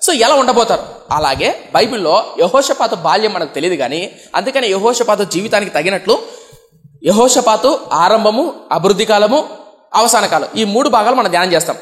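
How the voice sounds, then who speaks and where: A young man from India preaching a sermon, often asking the congregation questions and acting out comic quotes. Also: high-pitched. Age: young adult. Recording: long hall reverb.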